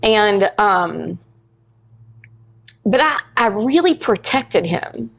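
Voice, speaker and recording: A woman's voice: medium pitch, very animated, very slow, creaky, a bit bright, low-quality recording. A middle-aged woman, a podcast guest telling a personal story in a candid, frank way and acting out the lines of people in it. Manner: candid and frank, acts out quoted dialogue.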